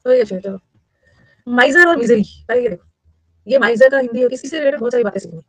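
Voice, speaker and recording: A middle-aged woman, teaching vocabulary in a lecture and drilling words with quick repetition and questions to her students. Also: a little high, expressive, a bit bright, no room sound, low-quality recording.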